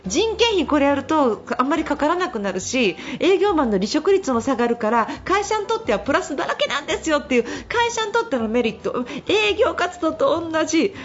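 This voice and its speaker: A woman's voice: sits high, big pitch swings, fairly quick, hardly any pauses. A middle-aged woman hosting a radio show, giving casual business advice and chatting about her week, laughing often as she tells stories, with a hint of speech. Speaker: radio host and business consultant. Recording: slightly dull radio broadcast.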